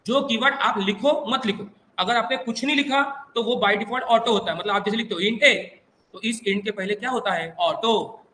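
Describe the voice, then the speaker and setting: High bright-voiced Indian teacher drilling students. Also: male voice, normal speed, echoey room, slight background noise, low-quality recording. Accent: Indian English. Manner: drilling students with call-and-response questions; reassuring and coaxing, addresses students as "beta". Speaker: computer teacher. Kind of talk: exam revision lecture to students.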